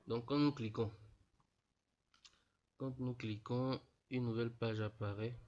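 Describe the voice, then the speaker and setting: In a dull, lo-fi voice-over, a stuffy young man with a cold explains an online registration to students step by step. His voice is medium-pitched, steady, slightly mellow and a bit slow, and he talks informally, repeating himself and saying "voilà" often.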